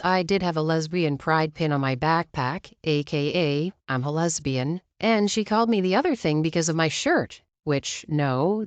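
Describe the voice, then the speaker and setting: A woman's voice: on the low side, no echo. A woman narrating a Reddit story in the first person, with sarcastic asides. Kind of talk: reading a Reddit story aloud.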